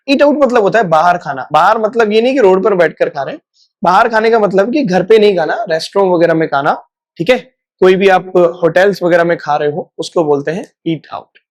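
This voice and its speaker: A man's voice: high-pitched, no room sound, clean studio sound. A man teaching a spoken lesson in a chatty way, stretching out example sentences word by word. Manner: chatty, addresses viewers as guys and brother. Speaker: English teacher.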